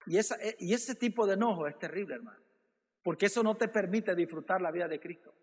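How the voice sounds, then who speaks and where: A man with a notably high voice preaches a sermon as pastor. He keeps addressing the listeners as brother and throws out rhetorical questions. His voice rings with the long reverb of a church hall. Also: quick pace.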